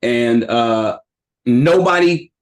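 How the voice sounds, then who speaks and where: A man's voice: medium pitch, animated, extremely slow. Earnest man recounting a scary gig. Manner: earnest, emotional retelling. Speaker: comedian. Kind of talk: casual podcast storytelling. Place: podcast studio.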